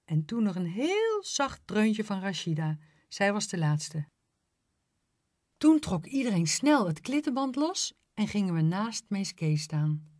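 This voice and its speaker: Woman, storybook reader, slow and clear, playful, dry close sound. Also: mid-range voice, no echo. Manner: lively, playful. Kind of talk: children's storybook narration.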